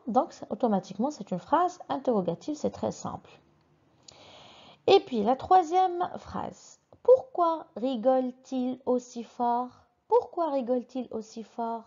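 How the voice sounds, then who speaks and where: A woman teaching a simple grammar lesson, patiently reading each example sentence twice with clearly marked question intonation. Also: fairly high pitch, warm tone, lo-fi sound. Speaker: French teacher.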